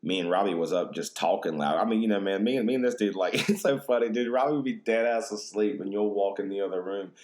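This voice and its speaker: A man with a very deep, low-pitched voice hosts his podcast in a loose, rambling chat. He talks in slang, swears freely and calls everyone dude and bro. He is a little tipsy from drinks. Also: fast, few pauses, a little mellow, slight background noise. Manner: laid-back, slangy and profane, full of "dude" and "bro". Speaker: podcast host.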